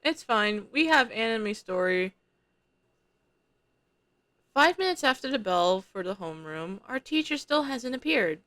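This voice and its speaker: A woman's voice: a little high, very animated, measured pace, pauses often, fairly bright tone, dry recording. A young woman streamer reading a visual novel aloud, dropping chatty, slangy asides between narration.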